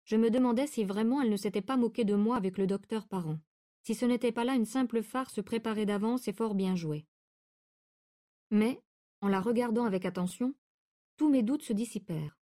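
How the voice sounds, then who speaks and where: Mellow-voiced woman reading a story. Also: on the high side, moderate pace. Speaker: audiobook reader. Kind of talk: literary narration.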